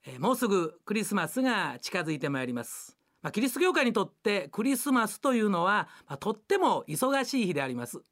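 A woman's voice: mid-range voice, sing-song, brisk, a bit bright. Polite woman opening a rakugo piece. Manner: polite, formal narration with fillers. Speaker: storyteller. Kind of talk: rakugo storytelling.

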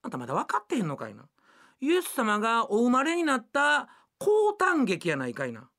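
A bossy, devout housewife, as a woman telling rakugo puts her on, nagging in quick Kansai dialect. Her voice sits fairly high and lively. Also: exaggerated voice. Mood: impatient. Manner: scolding, nagging. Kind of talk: rakugo storytelling.

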